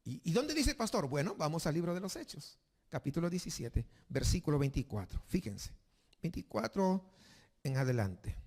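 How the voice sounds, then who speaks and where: Male pastor, high voice, emphatic sermon delivery, long hall reverb. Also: big pitch swings, a little mellow, husky. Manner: emphatic preaching, slows for reading scripture aloud.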